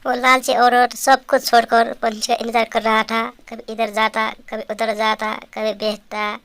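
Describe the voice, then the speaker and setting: A woman narrating a children's story in a flat, repetitive telling. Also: fairly high pitch, normal speed, clean tone.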